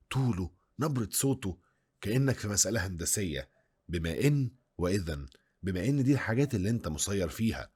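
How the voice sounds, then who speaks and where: A man's voice: low-pitched, husky. A man with an Egyptian Arabic accent narrating a film review video essay, analytical and full of rhetorical questions.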